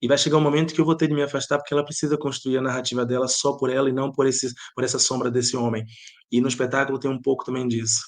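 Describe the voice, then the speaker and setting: Speaking very fast with a flat, medium-pitched delivery, this man from Bahia, Brazil, is a playwright and director fielding interview questions. His Portuguese mixes Bahian and European accents, and he thinks aloud, hunting for words and frequently starting over.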